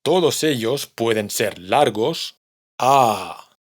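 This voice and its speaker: A man's voice: fairly low pitch, normal speed. A man, patiently explaining a language lesson to learners. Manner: patient, clear explanation, addresses learners directly. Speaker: language teacher.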